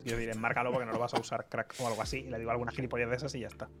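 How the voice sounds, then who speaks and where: A man's voice: medium pitch, little pitch movement, very fast, over music. A man in his twenties from Spain, a podcast guest chatting casually, blunt and swearing freely as he acts out quoted people. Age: 20s.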